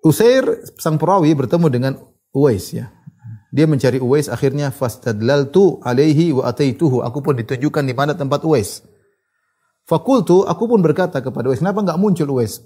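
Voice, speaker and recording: A man giving a religious lecture, reciting Arabic narrations and retelling them in a lively storytelling way. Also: a little high, brisk, husky. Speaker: Islamic preacher.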